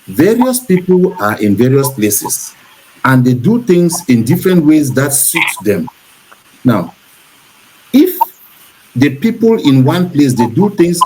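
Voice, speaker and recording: A man from Cameroon hosting a talk show discussion, speaking in a measured, preachy way and repeating points for emphasis. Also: mid-range voice, background noise.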